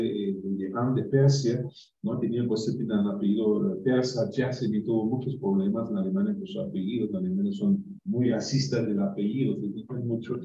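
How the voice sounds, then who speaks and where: A man speaks unscripted at a university book presentation, wandering between points and checking in with tag questions. His voice is dark and mellow. It is picked up from a distance in a roomy space, and the live-stream audio sounds dull. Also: medium pitch. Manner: digressive, frequent tag questions and restarts. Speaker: book presenter at an academic conference. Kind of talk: spontaneous academic talk. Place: university venue.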